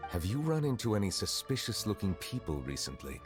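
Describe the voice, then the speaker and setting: Stern dignified judge, low voice, formal and measured. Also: male voice, very animated, music in the background. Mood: composed.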